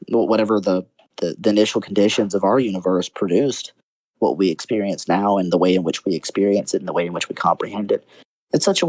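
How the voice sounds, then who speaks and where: A man's voice: lowish voice, vocal fry, a little mellow, no room sound. A young man in a casual philosophical debate over voice chat, thinking aloud with frequent restarts, fillers and hedging.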